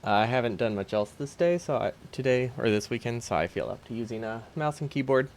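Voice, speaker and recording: A man's animated, mid-range voice moves fairly quickly as he chats casually during a game livestream. He rambles in an easygoing way, thinking aloud, and a loose dental retainer slightly impedes his speech.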